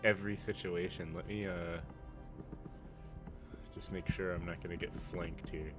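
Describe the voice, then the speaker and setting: A man's voice: sits low, fairly even intonation, a little slow, over music. A man chatting casually as he plays a game, informal and jokey. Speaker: game player. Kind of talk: casual gaming chat.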